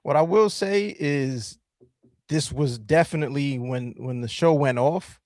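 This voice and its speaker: A man's voice: a little high, measured pace, darkish tone, no echo, studio quality. A man hosting a wrestling podcast, chatting casually and rambling with lots of fillers. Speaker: podcast host. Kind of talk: casual chat.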